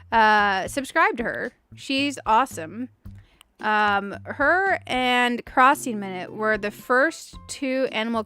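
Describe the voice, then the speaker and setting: A woman in her late thirties with a youthful-sounding, medium-pitched voice hosts a video game livestream, chatting casually and giggling. Her tone is bright and forceful, with music in the background.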